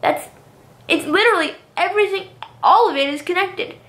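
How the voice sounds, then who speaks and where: A young woman vlogging casually, rambling and filling gaps with "um" and "literally", a little hoarse from talking a long time. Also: very high-pitched, moderate pace, a bit bright, roomy sound. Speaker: YouTuber. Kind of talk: casual vlog monologue.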